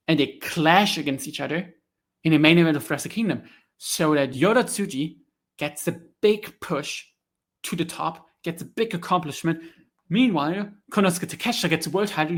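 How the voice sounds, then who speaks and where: A man's voice: a little high, fairly bright tone. Fuming male wrestling reviewer. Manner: heated ranting, swears, frequent fillers. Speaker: wrestling review channel host. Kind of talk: solo opinion commentary.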